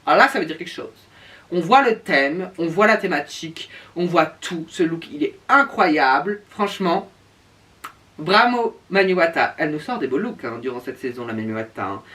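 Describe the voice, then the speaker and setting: Animated and at normal speed, a mid-range voice comes across pushed and bright over a distant mic. It belongs to a reviewer casually reacting to show looks in a sassy, campy drag-queen style, elongating words for emphasis.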